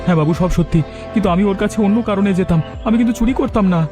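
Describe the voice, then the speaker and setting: A man's voice: high-pitched, racing, close to an everyday voice. A man voicing a poor young village man accused of theft, who pleads earnestly. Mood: pleading. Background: background music.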